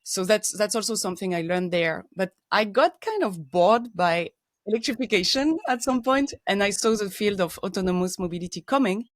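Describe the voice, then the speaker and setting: Middle-aged French-accented woman, podcast guest, earnest explainer, halting with fillers, mid pitch, dry close mic. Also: expressive, no echo. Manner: earnest and explanatory, searching for words with frequent ums and restarts. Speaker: guest expert, engineer. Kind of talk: casual podcast interview.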